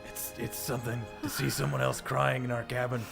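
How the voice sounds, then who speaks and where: A man co-hosting a comedy podcast, deadpan and then loudly accusing. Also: medium pitch, a little fast, vocal fry, over music. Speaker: podcast co-host. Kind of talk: improvised comedy podcast banter.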